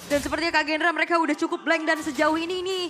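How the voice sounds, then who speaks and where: A woman's voice: sits high, fairly even intonation, very fast. A woman with an Indonesian accent giving live esports commentary and analysis. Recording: loud music behind the voice. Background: music.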